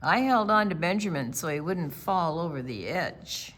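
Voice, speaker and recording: Reading to children from a picture book, an older woman performs as storytime reader with dramatic, deliberate lines and hushed conversational asides. Her voice is lowish and animated, and faint background noise can be heard.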